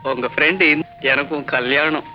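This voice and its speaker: An actor playing an earnest young college student who pleads his innocence and solemnly repeats his words. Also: fairly high pitch. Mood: polite. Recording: dull old film soundtrack with music.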